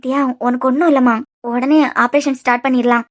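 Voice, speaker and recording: A woman voicing a young woman doctor who gently reassures a patient, in a Kanyakumari Tamil accent. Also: high voice, animated, racing. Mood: calming. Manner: gentle, persuasive.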